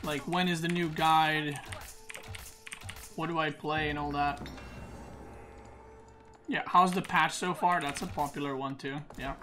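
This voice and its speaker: A man streamer thinking aloud in casual gaming commentary, relaxed and full of "like". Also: a little high, unhurried, pauses often, soft background music. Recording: noisy stream mic.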